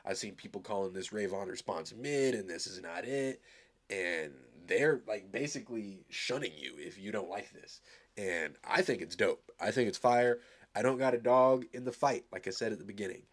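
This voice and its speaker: A man's voice: on the low side, expressive, normal speed. A man from Arizona giving loose, rambling, upbeat commentary as he reacts to a new song. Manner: loose, rambling, filler-heavy, enthusiastic. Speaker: music reaction host. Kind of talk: casual live reaction commentary.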